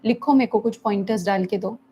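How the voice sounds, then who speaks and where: A woman's voice: mid-range voice, fairly quick, dark tone, husky. A middle-aged woman therapist who answers viewers' questions in a live teaching session, mixing English phrases into her Hindi. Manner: mixes English phrases into Hindi, acts out stressed parents in a raised voice.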